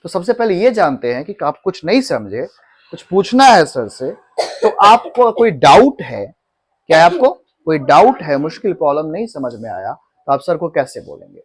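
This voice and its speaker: A man's voice: on the high side, very animated, normal speed, breathy edge. A man teaching a classroom of students, working in call-and-response style. He repeats words again and again and corrects pronunciation patiently, checking often that the class has followed. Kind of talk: classroom lesson in mixed Hindi and English. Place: classroom with a board.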